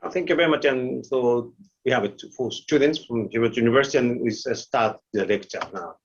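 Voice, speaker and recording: A man, giving an online lecture with slides, halting and full of fillers. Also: medium pitch. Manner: halting, many fillers and restarts. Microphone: video call. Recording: muffled video call audio.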